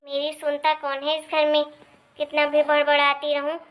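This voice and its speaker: A woman's voice: sits high, monotone, moderate pace, a bit bright. A woman voicing a nagging older mother-in-law who complains and scolds. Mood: grumbling.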